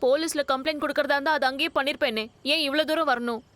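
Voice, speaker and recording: An actress playing a young bride who has come looking for her missing groom, speaking softly and pleadingly. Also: high voice, fairly even intonation, very fast. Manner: soft-spoken and pleading.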